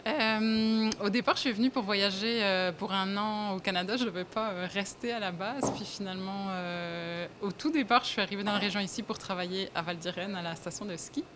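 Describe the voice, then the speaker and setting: A young Belgian woman who owns a café talks casually in an interview indoors at her café, speaking fairly quickly with hardly any pauses. Her mid-range voice has a fairly bright tone, and she hesitates often, uses many fillers, and laughs a lot, with a little hiss or hum in the recording.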